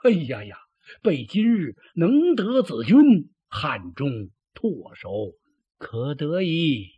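A man voicing a grand, courtly male lord who speaks slowly and formally in a husky voice. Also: fairly high pitch, very animated, darkish tone, exaggerated voice. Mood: delighted. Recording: dull lo-fi recording.

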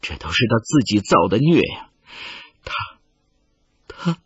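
A man's voice: on the high side, sing-song, normal speed, a bit bright, husky, no echo, heavily acted. A man voicing a grieving widow whose voice trembles and falters, in an audiobook reading on a dull lo-fi recording.

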